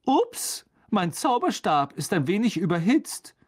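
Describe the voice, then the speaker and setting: A man's voice: sits high, very animated, measured pace, voice pushed up, heavily acted. A man voicing a vain, flustered male wizard teacher who talks in a showy, eager, fussy way. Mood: cheery.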